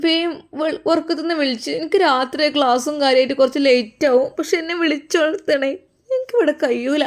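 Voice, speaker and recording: A woman's voice: sits high, fairly quick, voice pushed up, natural voice. A woman voicing a young daughter-in-law who complains tearfully, speaking with a Malappuram Malayalam accent. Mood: whining. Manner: tearful, whining, accusing.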